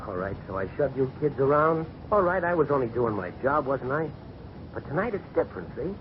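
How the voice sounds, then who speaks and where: A man playing a gruff 1930s beat cop in an old radio drama, blustering as he tries to be friendly. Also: medium pitch, very animated, a little fast, close to an everyday voice. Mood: pleading. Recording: dull, noisy old radio recording.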